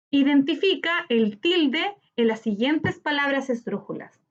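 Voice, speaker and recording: A woman teacher with a Chilean Spanish accent, slowly explaining a grammar lesson to children and stretching words out syllable by syllable. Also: high voice. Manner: slow, clear, syllable-by-syllable teaching delivery. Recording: slightly dull lo-fi audio.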